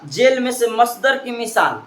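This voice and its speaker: A man's voice: very high voice, sing-song, unhurried, fairly bright tone. A male teacher running a classroom quiz lesson, repeating the students' answers back to them and drilling each point with patient prompts. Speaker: Urdu grammar teacher. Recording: roomy classroom echo, faint background noise.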